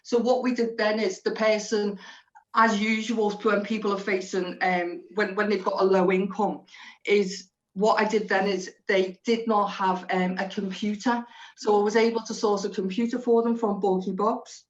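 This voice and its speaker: A woman's voice: mid-range voice, fairly even intonation, moderate pace, muffled recording. A woman explaining her work in a radio interview in an earnest, explanatory way. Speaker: social prescriber being interviewed.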